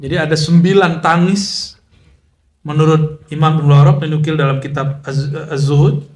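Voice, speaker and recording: A man's voice: fairly high pitch, steady tone, moderate pace, a little mellow, echoey room. A man preaching a casual religious lecture, joking with listeners, mixing in recited Arabic. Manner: chatty, joking asides, Arabic recitation mixed in. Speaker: Islamic preacher.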